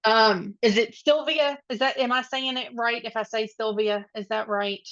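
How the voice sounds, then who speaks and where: A woman's voice: fairly high pitch, fairly even intonation, normal speed, sharp tone, dry recording. A woman leading a live online study group as a coding instructor, chatty and reassuring, with many filler ums. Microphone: video call. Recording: dull, dry lo-fi video call audio.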